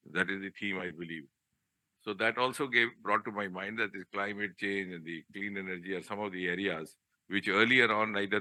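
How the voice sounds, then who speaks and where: Older male, Indian accent, chief guest at a podium speech: low, sharply forceful voice, discursive and halting delivery. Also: dry recording, low-quality recording. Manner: discursive, halting, with rhetorical questions. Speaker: chief guest speaker, public official. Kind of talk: podium speech to trainees in a hall. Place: auditorium hall, live address.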